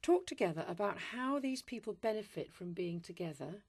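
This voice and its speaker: A woman examining candidates in a speaking test, asking scripted questions in a measured, formal and polite way. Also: mid-range voice, animated, a little mellow, breathy edge.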